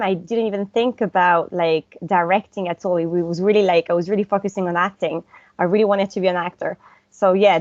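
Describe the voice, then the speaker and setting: A woman's voice: mid-range voice, a little mellow, no room sound. Young woman, guest from home, chatty with fillers, dull remote-call sound. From born in France, raised in Brussels. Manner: chatty, laughs often, many "like" fillers. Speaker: guest, actress and director. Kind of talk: casual interview conversation.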